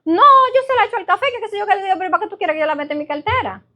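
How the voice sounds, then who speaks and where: A woman preacher voicing a superstitious woman friend in a quick, high, insistent way. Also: lively intonation, fairly bright tone. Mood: defensive. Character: chatty middle-aged woman friend, superstitious.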